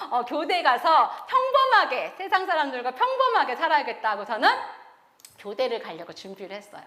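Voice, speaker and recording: A woman's voice: high-pitched, roomy sound. A woman missionary telling her testimony at a church meeting, acting out scenes and laughing as she talks. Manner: animated storytelling, acting out her past self with laughter. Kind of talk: testimony sermon with acted quotes.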